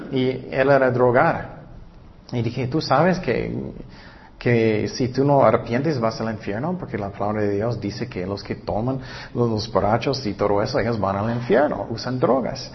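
A man preaching in Spanish, teaching earnestly on evangelism and reading scripture slowly and deliberately. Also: mid-range voice, in a large hall, highs cut off. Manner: earnest, plain-spoken, reads scripture slowly.

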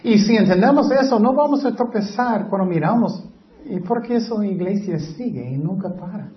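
A man preaching a sermon, reading scripture aloud and explaining it, lifting his voice for questions and dropping low on asides. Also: lively intonation, normal speed. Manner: rises in pitch and volume for questions and quoted lines, drops low on asides. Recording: roomy, distant, dull low-fidelity sound.

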